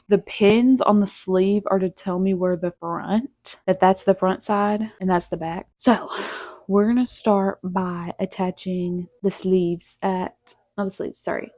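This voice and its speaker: A young woman hosting a casual home sewing tutorial, chatty and quick to interrupt herself. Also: mid-range voice, mellow. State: a little out of breath. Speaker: sewing channel host.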